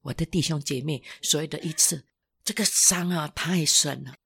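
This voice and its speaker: An older former pastor giving an emotional personal testimony, halting and restarting, sometimes dropping to a whisper. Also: medium pitch, vocal fry, a bit bright, husky.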